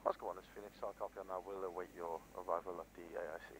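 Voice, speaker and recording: A man's voice: deep voice, little pitch movement, very fast. A man making military radio check-ins over a crackly radio as a helicopter pilot in a game. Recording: noisy radio with vehicle noise.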